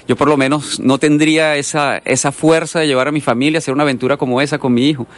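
On a studio mic, a Colombian guest artist in a radio interview rambles through long tales with many asides. His voice is on the high side and steady in tone, and he talks fast.

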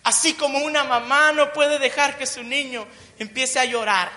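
A woman's voice: high-pitched, fairly even intonation, moderate pace, pushed and bright. A woman preaching a sermon, building emphatic repeated phrases and tossing in joking asides. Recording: long reverb of a large hall.

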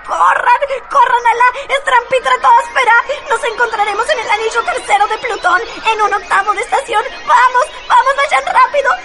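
A woman playing a fussy, excitable alien woman in a radio drama, full of sighing exclamations. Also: extremely high pitch, unhurried, a loud crowd, very noisy, heavily acted. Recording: clear music behind.

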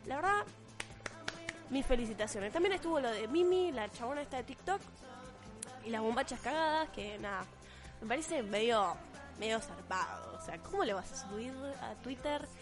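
High-voiced profane Argentine teen girl. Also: lively intonation, moderate pace, over music. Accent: Argentine Spanish. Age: teens. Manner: blunt, profane, sarcastic ranting. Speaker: vlogger. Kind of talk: opinion rant to camera.

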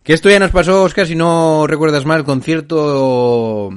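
A man's voice: on the high side, a little slow, clear, resonant tone, no room sound, studio quality. A man from co-hosting a casual podcast from home, telling jokey stories. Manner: joking, tells stories animatedly. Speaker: podcast co-host. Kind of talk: casual chat. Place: home during lockdown.

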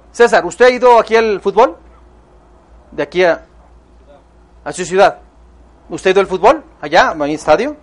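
Emphatic high-voiced Mexican man. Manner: energetic, emphatic, addresses the audience directly. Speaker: motivational speaker. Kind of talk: motivational seminar talk.

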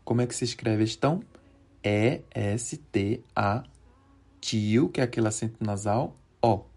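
A man teaching verb conjugations, slow and deliberate, drawing out each form and checking in often with "certo?". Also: on the low side, a little mellow. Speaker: Portuguese teacher for Spanish speakers. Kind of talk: conjugation lesson.

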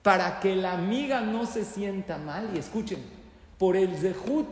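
A man teaching a Torah class to live listeners in a hall, often asking them rhetorical questions. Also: high voice. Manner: asks the audience rhetorical questions. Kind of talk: religious class lecture. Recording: roomy hall with long reverb.

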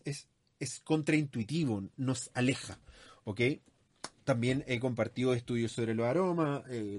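A man's voice: mid-range voice, darkish tone, no room sound. A man hosting a podcast, giving casual sales advice in a chatty way with many fillers and asides. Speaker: podcast host.

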